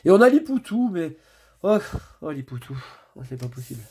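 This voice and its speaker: A YouTuber casually narrates as he opens trading card packs, chatting and muttering card names while flipping through them. His voice is a little high and mellow, with a sing-song lilt at a normal speed, and there's slight background noise.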